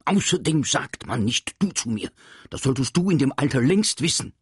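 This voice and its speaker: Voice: medium pitch, wildly swooping pitch, extremely slow, slightly rough, no room sound, studio quality, voice pushed up, exaggerated voice. A reader voicing a strict, pompous male schoolteacher who barks indignantly. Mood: stern. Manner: barking, indignant, loud. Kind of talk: reading a children's book aloud.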